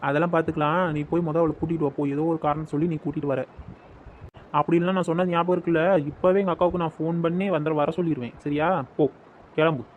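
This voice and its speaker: Casual: guy doing a pushy young village dude in a cartoon, super fast talker, always bossing. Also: fairly high pitch, flat delivery, narrow, tinny audio, slight background noise, close to an everyday voice. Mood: bossy. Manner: bossy, rapid-fire demands. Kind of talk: dubbed cartoon dialogue.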